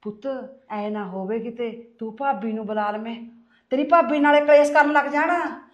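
Woman as a high-voiced coaxing mother. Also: moderate pace, reverberant, close to an everyday voice. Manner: coaxing, confiding, calls him "putt". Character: scheming mother, coaxing her son.

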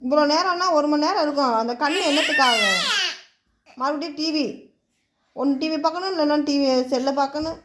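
A woman's voice: high voice, animated, fairly quick, a bit bright, a little hiss or hum. A mother at home talking casually to her small child, coaxing and scolding by turns.

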